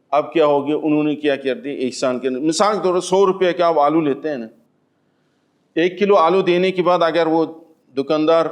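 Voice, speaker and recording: An Islamic teacher gives a spoken Quran commentary to an audience, asking questions and then answering them himself with everyday examples. His delivery swings from raised, emphatic lines down to low, quiet asides.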